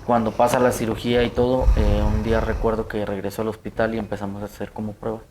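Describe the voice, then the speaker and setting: A young man with a Mexican Spanish accent gives a personal testimony in a low, even, flat voice. He speaks haltingly and stops often on fillers. A faint hiss sits under the studio recording. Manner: halting, hesitant, with many fillers. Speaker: interview guest, attack survivor.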